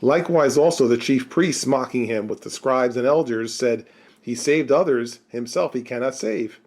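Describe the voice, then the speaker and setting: A man's voice: mid-range voice, moderate pace. Man reading scripture aloud. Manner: steady, formal reading. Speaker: scripture reader.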